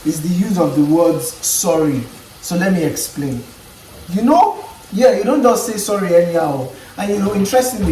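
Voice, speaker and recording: A woman's voice: lowish voice, distant mic, a little hiss or hum. Nigerian woman chatting in a roomy space. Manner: animated storytelling with acted quotes. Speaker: vlogger. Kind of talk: casual chat.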